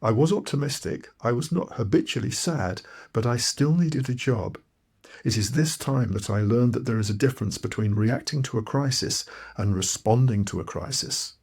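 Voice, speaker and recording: A man narrates his own story as an audiobook. His voice is husky and mid-pitched, and his delivery is earnest and reflective. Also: moderate pace, a little mellow. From Malawi. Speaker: author and narrator.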